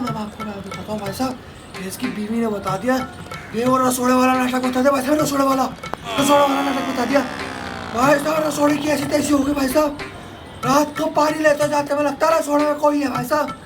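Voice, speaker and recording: A man's voice: very high-pitched, fairly even intonation, fairly quick. A man playing a gossiping neighbor in a comedy sketch, insistent and repetitive. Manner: repeats "brother" every phrase, gossipy. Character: gossiping middle-aged male neighbor, meddling and insistent. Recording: loud background music.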